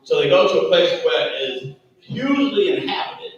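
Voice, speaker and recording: Echoey, animated man preaching a sermon. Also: high-pitched, moderate pace, highs cut off. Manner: folksy, repeats "Amen" often, chuckles between points. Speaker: pastor. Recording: echoey church room from far off, faint background noise.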